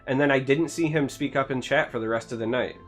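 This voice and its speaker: A man's voice: mid-range voice, fast talker, soft background music. A man hosting a gaming podcast in casual chat, explaining things with plenty of fillers and teasing with dry humor. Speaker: podcast host, streamer.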